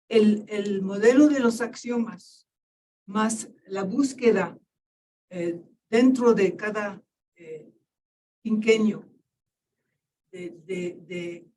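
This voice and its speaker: A woman's voice: fairly high pitch, darkish tone. An older woman speaking in a seminar, giving a thoughtful talk and often repeating words while she searches for them. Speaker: invited lecturer. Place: seminar room. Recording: distant mic with faint noise.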